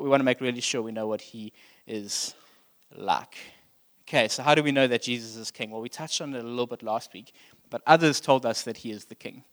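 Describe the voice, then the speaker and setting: A man delivering a sermon as pastor, speaking in a casual, plainspoken way and asking his listeners direct questions. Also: mid-range voice. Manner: conversational, plainspoken preaching.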